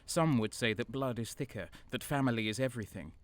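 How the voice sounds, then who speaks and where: A man narrates an audio drama in the first person as its protagonist, a bitter, hardened traitor soldier, in a grim, brooding manner. His mid-range voice is close to everyday speech, a little fast, with slight background noise.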